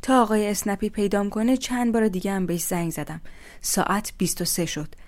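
A young woman telling a first-person story in a steady, reflective way. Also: mid-range voice.

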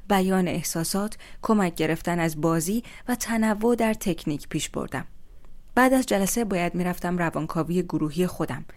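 A woman with a somewhat low voice tells a personal story in the first person. Her delivery is steady and reflective. She sounds like a young adult.

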